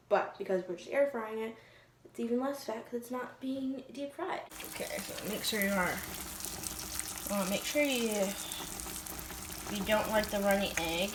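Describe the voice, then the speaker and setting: A young woman chats in a casual, informal vlog style, her voice sitting a little high. She hedges often as she explains things to viewers. The sound is roomy and echoey, with faint noise underneath. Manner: chatty, informal, hedging with "like" and "kind of". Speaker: fitness vlogger.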